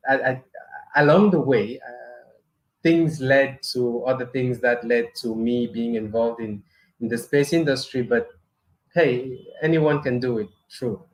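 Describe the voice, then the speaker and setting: A middle-aged man from Cameroon, host of a weekly live broadcast on space engineering, talks casually to viewers in a mid-range voice that's a little slow and pauses often. He's hesitant, restarting frequently, using fillers and chuckling a lot, on a low-quality recording.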